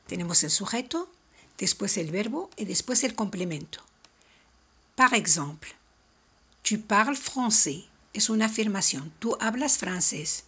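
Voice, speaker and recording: A woman teaching a language lesson, explaining slowly and deliberately and repeating each point in two languages. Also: mid-range voice, sing-song, fairly bright tone, slightly rough. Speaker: French teacher.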